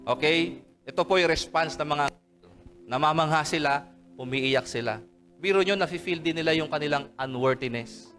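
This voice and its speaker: A man's voice: fairly high pitch, moderate pace, a bit bright, faint music behind. A man with a Filipino accent, a pastor preaching a sermon at a worship service, switching between English and Tagalog and calling out "Amen?" to his congregation. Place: church service hall.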